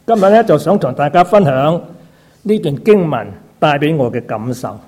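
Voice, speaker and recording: A man's voice: on the high side, lively intonation, moderate pace, a little mellow. A man who is a preacher and a doctor, delivering a sermon and often asking the congregation rhetorical questions, sprinkled with short interjections. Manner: frequent "na" and "ha" interjections.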